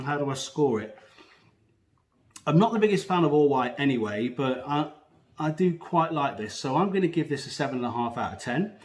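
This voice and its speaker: A man's voice: on the high side, noisy background. Echoey man, pouch under his lip. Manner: hesitant, rambling, self-correcting. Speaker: product reviewer. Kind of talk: unscripted casual video review. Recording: echoey room.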